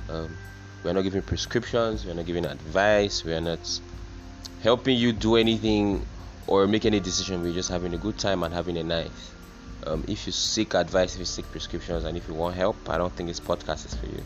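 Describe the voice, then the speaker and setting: A man introducing his podcast in a relaxed way, with many pauses and ums. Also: low voice. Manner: laid-back, lots of ums. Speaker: podcast host. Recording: dull lo-fi audio, faint music behind.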